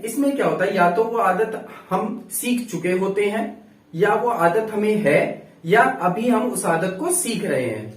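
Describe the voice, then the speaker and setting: Brief: male teacher, high and animated delivery, slow dictation of examples, recorded from a distance. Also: echoey room. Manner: explains slowly, dictating example sentences word by word. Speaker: English grammar teacher. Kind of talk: classroom-style grammar lesson.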